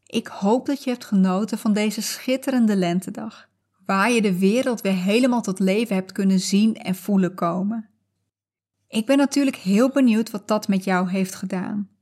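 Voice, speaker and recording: Calm and gentle, a woman with a medium-pitched voice narrates a guided visualization without rushing, while music plays in the background.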